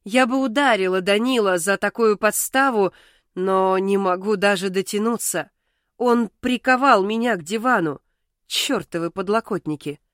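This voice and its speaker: A woman's voice: mid-range voice, moderate pace, no room sound, studio quality. A woman narrating an audiobook in the first person, with intimate, emotional storytelling.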